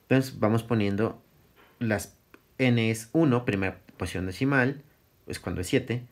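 A man's voice: lowish voice, moderate pace. A middle-aged man, giving a casual recorded math lesson, thinking aloud and correcting himself as he goes. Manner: casual, self-correcting, thinks aloud, chuckles at his slips. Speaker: math teacher. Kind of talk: recorded classroom lecture.

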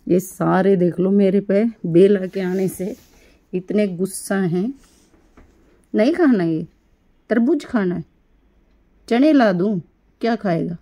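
A woman's voice: medium pitch, takes it slowly, long pauses. Doting woman cooing to her pet. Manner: coaxing, doting sing-song with frequent soft laughs. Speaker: pet vlogger caring for rescued animals. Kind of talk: baby talk to a pet rabbit.

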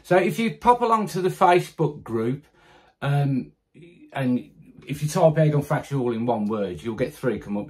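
A man's voice: lowish voice, darkish tone. A middle-aged British man talking casually to camera about his airgun group, chatty and enthusiastic, with many fillers and restarts. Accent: British English. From United Kingdom. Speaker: airgun community group founder. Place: small indoor room with guns on the wall. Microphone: camera close in front.

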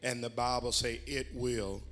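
A man's voice: medium pitch, little pitch movement, unhurried, a bit bright. An older man preaching a sermon as bishop in a church, folksy and full of amens, building to emphatic exhortation. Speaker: bishop and pastor. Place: church sanctuary.

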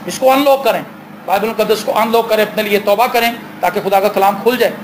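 High-voiced Pakistani man preaching a sermon. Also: slight background noise. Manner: preaching with rising emphatic bursts; slips into Punjabi for quoted dialogue. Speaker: pastor.

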